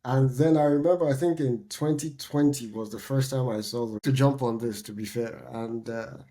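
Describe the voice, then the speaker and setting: A man, co-hosting a podcast in a relaxed, chatty way. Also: medium pitch, moderate pace. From Nigeria. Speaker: podcast co-host. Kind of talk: casual chat.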